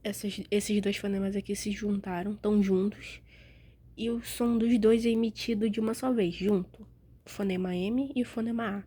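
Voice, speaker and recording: A woman's voice: medium pitch, steady tone, normal speed, warm tone, slightly rough. A woman giving a casual grammar lesson, chatty and informal, fixing her own slips as she goes. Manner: informal, calls the listener "cara", corrects herself aloud. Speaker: grammar teacher.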